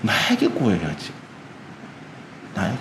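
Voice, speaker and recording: A man's voice: on the low side, wildly swooping pitch, takes it slowly, a bit bright, reverberant, a little hiss or hum. A male pastor preaching a sermon, addressing the congregation directly and acting out God's words. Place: church sanctuary.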